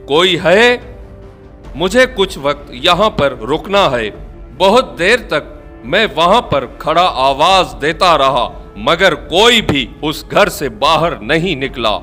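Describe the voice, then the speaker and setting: Slow, bright-voiced male horror narrator. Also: fairly high pitch. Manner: slow, measured, suspenseful telling. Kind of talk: scripted first-person storytelling.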